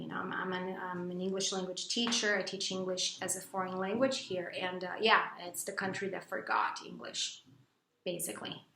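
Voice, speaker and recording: Speaking to camera in an echoey room, this vlogger and English teacher from Brazil has a gravelly voice and a Brazilian Portuguese accent on her second-language English. Her casual talk is loaded with fillers and false starts, and every so often she leaps into high, excited quotations.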